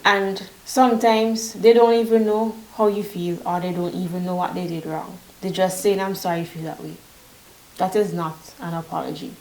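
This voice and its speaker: Woman giving relationship advice, kinda low voice, teacher-y, keeps saying "right?", echoey room. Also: steady tone, normal speed, a little mellow. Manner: instructive, repeats example phrases with emphasis, frequent "right?" tag questions. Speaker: relationship advice channel host. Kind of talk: solo advice talk to camera.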